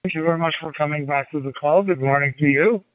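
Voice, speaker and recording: A man from the United States speaking as an amateur radio operator over two-way radio, making unhurried procedural calls and spelling in phonetic alphabet. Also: fairly high pitch, no echo. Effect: two-way radio, walkie-talkie sound. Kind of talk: ham radio contact, unhurried procedural call. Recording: narrow phone-like radio audio, distant.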